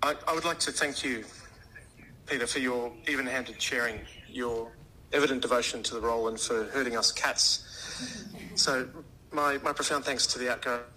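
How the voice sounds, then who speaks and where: Man on a sharp, tense phone line. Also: mid-range voice, steady tone, a little hiss or hum. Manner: courteous, measured formal thanks. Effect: speaking over a phone line. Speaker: city councillor. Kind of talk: formal council meeting remarks.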